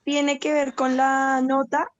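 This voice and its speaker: A woman's voice: high voice, level tone, slow, muffled recording, a crowd in the background. A woman taking part in a workshop from home over a video call, answering hesitantly while she thinks aloud. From Bogotá, Colombia. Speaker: workshop participant.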